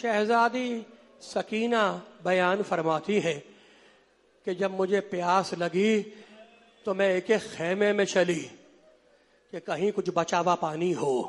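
A man delivering an impassioned mourning sermon, half chanting and crying out in sing-song wails that rise to shouts. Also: high voice, pauses often. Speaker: preacher reciting a mourning sermon. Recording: long hall reverb with faint crowd.

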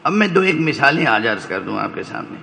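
A man's voice: mid-range voice, very animated, gravelly, pushed and bright, slight background noise, rough recording. A man giving a religious lecture to a gathering, explaining step by step and checking in with listeners through short rhetorical questions. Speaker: religious scholar addressing a majlis.

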